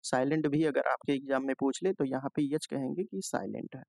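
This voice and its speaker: A man teaching an exam-prep lesson, explaining each question in Hindi and slowing down to read the text aloud. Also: mid-range voice, fairly even intonation, creaky, a little mellow, dry recording. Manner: explanatory, repeats "ठीक है" and "जो है" often.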